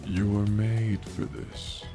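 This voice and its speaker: A spooky ocean spirit from a game, voiced by a man, speaks in a lowish, slow voice with an echo effect. It is reassuring and eerie, with music underneath. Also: level tone, dark tone. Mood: eerie, soothing. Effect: strong echo.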